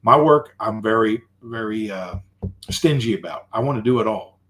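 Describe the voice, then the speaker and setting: A middle-aged man who runs his own floor-cleaning business, chatting casually on a live stream and telling rambling, animated stories with many hesitations. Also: fairly low pitch, moderate pace. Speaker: tile and grout cleaner, owner-operator.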